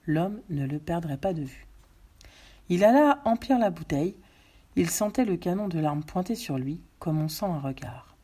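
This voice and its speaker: A woman narrating a novel aloud in measured storytelling. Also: fairly low pitch, lively intonation, warm tone, slightly rough.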